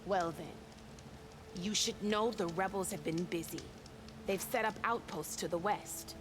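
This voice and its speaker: A woman's voice: medium pitch, a little slow, natural voice. An actress voicing a wary, tough female clan scout in a video game, talking bluntly and matter-of-factly. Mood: warning. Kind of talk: game character dialogue. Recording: game audio heard with background noise.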